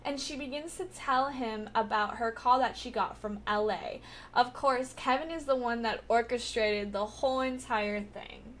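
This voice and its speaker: Young woman, chatty, giggly, slightly high voice, slow unhurried delivery, casual show recap. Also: a little hiss or hum. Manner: chatty, giggly, lots of "like" fillers. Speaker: TV recap vlogger.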